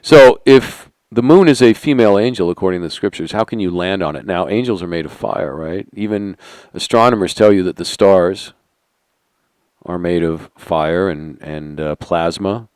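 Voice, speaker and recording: A middle-aged man holding a conspiratorial monologue, asking rhetorical questions and sinking into quiet asides. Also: deep voice, normal speed, smooth, dry recording. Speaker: channel host. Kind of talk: monologue to camera.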